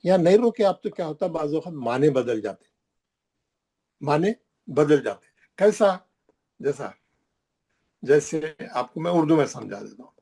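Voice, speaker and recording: A man's voice: fairly high pitch, sing-song, a little slow, creaky, long pauses, warm tone, breathy edge. A man teaching a recitation class, explaining rules with emphatic repetition and pointing things out on the page.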